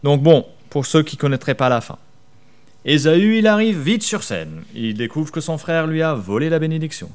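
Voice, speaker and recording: A man's voice: on the high side, expressive, moderate pace, a little mellow, smooth. A man preaching a sermon conversationally, asking his listeners questions and acting out his own worries. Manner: conversational, rhetorical questions, acts out worries in whispers. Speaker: pastor.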